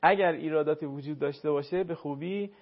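A man teaching Quran recitation to a caller, courteous and explanatory, sounding words out slowly to demonstrate. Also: fairly high pitch, muffled recording. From northern Iran. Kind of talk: call-in recitation lesson.

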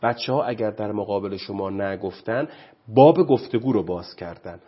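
Man, husky, lowish voice, preachy, impassioned talk, muffled lo-fi sound. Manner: preachy, impassioned, quotes scripture. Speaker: guest expert on parenting. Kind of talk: animated studio talk.

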